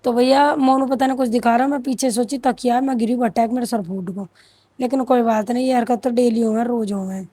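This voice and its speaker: A woman's voice: on the high side, steady tone, brisk, dark tone, dry recording. A young woman, chatting and joking with viewers in a vlog. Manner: teasing, joking running commentary. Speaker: vlogger. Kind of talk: casual vlog chat with viewers.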